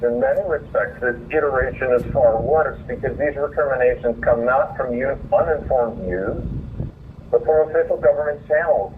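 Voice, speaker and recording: Over a muffled, distant phone line with faint noise, a man with a mid-range voice calls in to share an earnest, indignant opinion. He reads aloud an opinion essay he wrote himself, then shifts into informal remarks.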